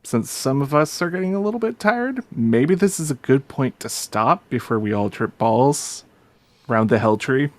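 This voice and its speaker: A man's voice: medium pitch, expressive, moderate pace, dry recording. A man chatting casually as a player in a tabletop role-playing game. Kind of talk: casual chat.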